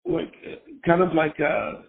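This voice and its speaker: An older man, hoarse from a cold, chatting casually as an interview guest and rambling with lots of fillers. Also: on the high side, huge pitch swings, a little slow. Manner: rambling, full of fillers and restarts. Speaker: guest, former costume maker. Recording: tinny phone-line sound.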